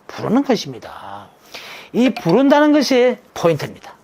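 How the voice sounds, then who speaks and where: Lively, lecturing male monk. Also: high voice, normal speed. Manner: lecturing, asks rhetorical questions and answers them himself; drops into a casual, emphatic sentence ending. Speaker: Buddhist monk who gives naming advice. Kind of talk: explanatory talk in an interview.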